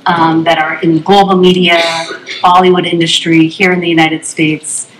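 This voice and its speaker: A woman summarizing the audience's questions in an even, measured way. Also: lowish voice, crowd noise. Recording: echoey hall with faint room noise.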